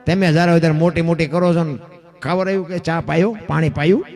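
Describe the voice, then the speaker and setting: A man voicing a clever, sharp-tongued village wife in a folk tale, speaking with a Kathiawadi Gujarati accent in a tart, scolding way. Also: a little high, steady tone, fast, faint music behind, close to an everyday voice.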